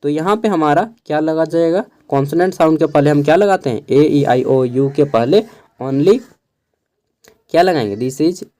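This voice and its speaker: A man's voice: on the high side, moderate pace, warm tone. A young man from Jharkhand with Khortha as his first language, giving a casual exam-prep lesson, spelling words out letter by letter and often checking that listeners follow. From Jharkhand, India. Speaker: teacher.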